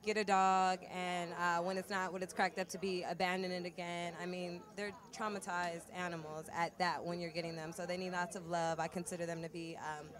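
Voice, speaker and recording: A woman's voice: on the low side, little pitch movement, fairly quick, hardly any pauses, a crowd in the background. A woman guest talking earnestly in an interview about rescuing a dog, with fillers like um and you know. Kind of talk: casual interview answers.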